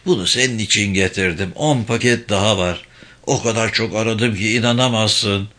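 A grown son home on a visit, affectionate and playful, speaking low, calm and tender, as a male reader plays him. His voice sits somewhat below the narration yet keeps a bright, crisp edge. A gentle storybook character. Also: moderate pace. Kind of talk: storybook reading.

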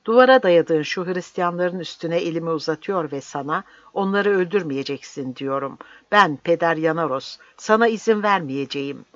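A reader voicing a fiery old village priest who shouts his defiance in an impassioned, declaiming way, on a dry, slightly dull recording. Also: mid-range voice, moderate pace, few pauses, no room sound, close to an everyday voice. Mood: defiant, shouting.

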